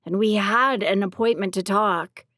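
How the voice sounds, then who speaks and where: A woman voicing rough, foul-mouthed women bounty hunters in an audio drama, talking in crude street slang. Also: mid-range voice, a little slow, a bit bright, no room sound, clean studio sound, lightly acted. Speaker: voice actor for three women characters. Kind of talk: audiobook character dialogue.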